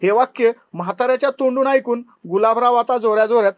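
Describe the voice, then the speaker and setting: A man narrating a horror story in a lively, dramatic storytelling manner. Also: extremely high pitch, fast talker, no room sound, dull audio.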